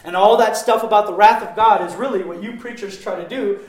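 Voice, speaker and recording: A man preaching a sermon with passion, his voice swinging between loud emphatic stretches and quieter ones. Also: sits high, brisk. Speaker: pastor. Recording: very echoey room.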